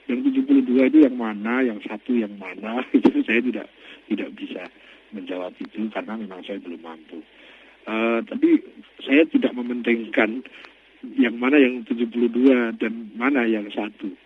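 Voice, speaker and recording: A man answering a caller on a radio talk show, speaking in a thoughtful, measured and self-deprecating way. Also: medium pitch. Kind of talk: reflective call-in radio talk. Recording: tinny phone-line audio with faint noise.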